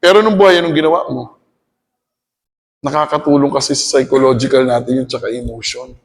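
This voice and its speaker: A Filipino man, a teacher, giving an animated seminar talk that mixes Tagalog and English and often checks in with the audience. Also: medium pitch, brisk, long reverb tail. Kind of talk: lecturing to an audience, mixing in personal stories.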